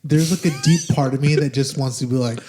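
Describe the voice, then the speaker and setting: A man's voice: mid-range voice, fairly quick. A man co-hosting a podcast in casual chat, tossing in short, dry, teasing quips. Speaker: podcast co-host. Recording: background noise.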